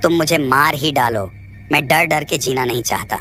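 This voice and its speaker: A man's voice: medium pitch, animated, normal speed, fairly bright tone, faint music behind, lightly acted. A man voicing a frightened young man in a horror storybook, speaking in an anxious, pleading way. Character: frightened young man visiting a haunted ruin. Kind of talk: storybook narration.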